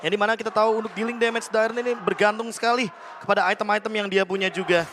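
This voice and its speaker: A man's voice: high voice, fairly even intonation, racing, fairly bright tone, a little hiss or hum. A man with an Indonesian accent giving analytical esports caster commentary, explaining play with English game terms mixed in.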